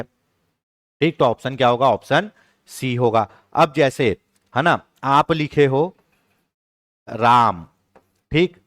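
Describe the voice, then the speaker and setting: Man, exam-prep teacher, online lesson, step-by-step explaining, slow repeated key words, dry close sound. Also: mid-range voice, no room sound. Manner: explains step by step, often asking "ठीक है?"; slowly repeats words aloud when stressing them. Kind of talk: online class lecture.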